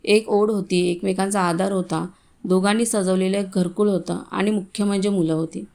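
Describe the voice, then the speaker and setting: Gravelly-voiced woman reading a story. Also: mid-range voice, steady tone, normal speed, darkish tone. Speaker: story reader. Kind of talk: reading a short story aloud.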